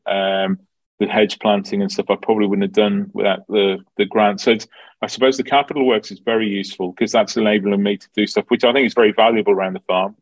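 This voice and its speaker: Man, Dublin accent, low-pitched, close dry sound, conversational, explanatory. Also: no echo, rough recording. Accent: Dublin Irish. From Dublin, Ireland. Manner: explanatory, informal, peppered with 'you know'. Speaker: farm manager, interview guest. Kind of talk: conversational interview answers.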